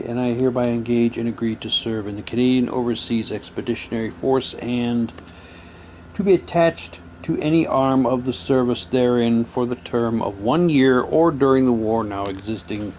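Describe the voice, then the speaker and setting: Poor audio, with noticeable background noise and room ambience, captures a man of medium pitch and darkish tone unboxing mail-order radio drama props. He casually reads the enclosed documents aloud and muses as he goes.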